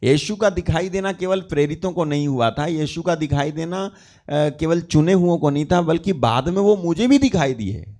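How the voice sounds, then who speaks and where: A man's voice: fairly high pitch, animated, moderate pace, a little mellow. A man preaching a sermon, reading scripture and then explaining it. He repeats key phrases for emphasis and speaks to his listeners as brother and sister.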